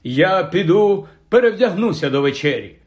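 Guy reading a stuck-up teen prefect, slow and full of himself. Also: sits high, expressive, highs cut off, voice pushed up. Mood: pompous. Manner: pompous, self-important. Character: pompous teenage boy prefect.

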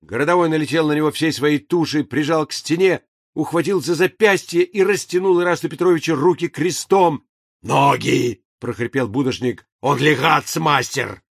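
A man narrating an audiobook in a measured, even storytelling manner. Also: on the high side, no echo. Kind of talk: scripted narration. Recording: dry booth recording.

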